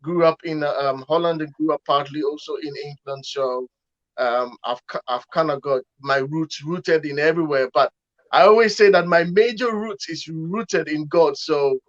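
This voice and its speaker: Speaking as a guest on an online panel, a Ghanaian pastor talks earnestly in a preaching style, often repeating words as he begins phrases. His voice is a little high and moderately paced, heard through muffled lo-fi call audio.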